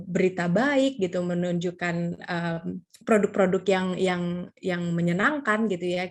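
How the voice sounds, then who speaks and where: A woman teaching public speaking over slides, in a casual, chatty way with many fillers. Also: medium pitch. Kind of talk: slide presentation lesson.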